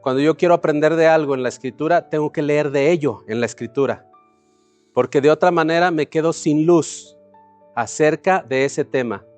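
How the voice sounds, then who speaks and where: A man's voice: on the high side, normal speed, a little mellow, soft background music. A man preaching a sermon to a congregation. He explains scripture, asks the crowd rhetorical questions, answers them himself and calls on them to repeat phrases after him.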